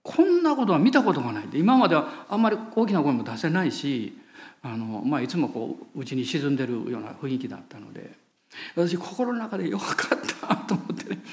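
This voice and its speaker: A man with a Kansai accent preaching a sermon as pastor, telling a story in an animated way and laughing at himself. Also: on the high side, brisk. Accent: Kansai Japanese.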